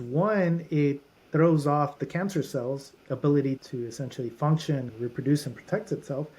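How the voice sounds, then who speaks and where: Speaking in a high-leaning voice with a dark tone, this holistic clinic doctor is a guest on a podcast. He lays out treatments in lists and frequently starts his sentences over.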